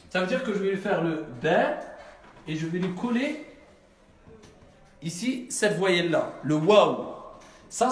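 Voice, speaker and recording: A man teaching a class, patient and repetitive, often checking that his students have understood. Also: high voice. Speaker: Arabic teacher. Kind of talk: classroom lesson. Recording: echoey room.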